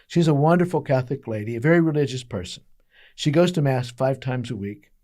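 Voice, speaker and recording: A man's voice: mid-range voice, lively intonation, fairly quick, warm tone, close to an everyday voice. A man voicing a skeptical middle-aged businessman, dry and guarded, in nearly his own voice.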